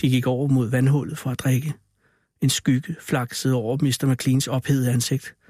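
A man's voice: mid-range voice, little pitch movement, warm tone, husky, no room sound, clean studio sound, natural voice. A man voicing a male ape who tells a spooky story with dramatic, theatrical reading.

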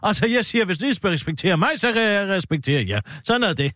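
A man co-hosting a comedy show, rambling about politics in a mock-pompous, animated way. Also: high-pitched, no echo, studio quality. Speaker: satirical co-host.

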